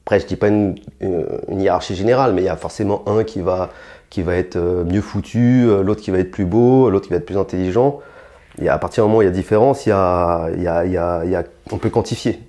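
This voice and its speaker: A fast talker with a dark tone, this young rapper from France responds to interview questions in a blunt, provocative way, full of restarts and fillers. His voice grows higher and stronger when he's heated.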